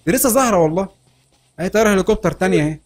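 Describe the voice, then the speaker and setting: A man with an Egyptian Arabic accent giving excited gameplay commentary, laughing and shouting often. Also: high-pitched, very fast, breathy edge. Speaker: gaming channel host.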